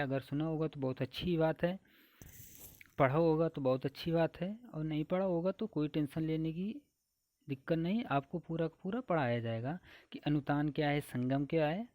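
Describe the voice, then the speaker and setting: A man teaches an exam-prep grammar lesson, going item by item through a numbered list. He asks his own questions and answers them, repeating each point. His voice sits a little high and sounds dry and close. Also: a little mellow, no room sound.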